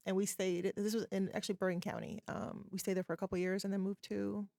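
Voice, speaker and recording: A woman's voice: medium pitch, little pitch movement, quick pace, gravelly, dark tone, no echo, studio quality. A middle-aged woman from Poland, a forensic psychologist guest, telling stories with many hesitant ums. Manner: hesitant, frequent ums, storytelling. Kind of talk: casual interview chat.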